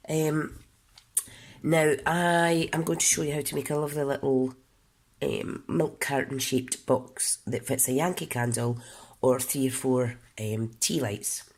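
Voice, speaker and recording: A UK woman demonstrates a papercraft project in a casual tutorial, sounding congested and coughing. Her rumbling low voice is steady, unhurried and a little mellow, and she's chatty, stopping to correct herself and explain.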